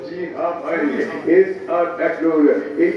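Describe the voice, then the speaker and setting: A man's voice: a little high, fairly even intonation. Man hawking through a megaphone. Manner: drawn-out, repetitive hawker calls. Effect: through a megaphone loudspeaker. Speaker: street advertising announcer. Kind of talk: street miking promotion. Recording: echoey lo-fi loudspeaker from far off.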